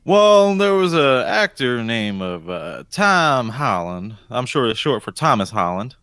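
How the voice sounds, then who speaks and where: A man's voice: medium pitch, very animated, unhurried, fairly bright tone, clear, resonant tone, dry recording, clean studio sound. A man co-hosting a casual podcast, rambling and hesitant, poking fun at himself. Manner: rambling, hesitant, self-deprecating. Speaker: podcast co-host.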